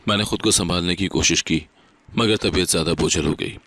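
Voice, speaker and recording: A man reading a sad first-person moral story as scripted narration, steady and solemn. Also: low-pitched, no echo.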